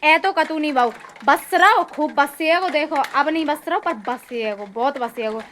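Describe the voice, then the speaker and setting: A woman's voice: sits high, moderate pace, a little hiss or hum. A woman, chatting casually to her viewers in a home vlog filmed on a phone. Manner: chatty, addresses viewers as friends; loud and lively, breaking into laughter. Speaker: vlogger. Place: home, indoors and outdoors. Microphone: phone camera.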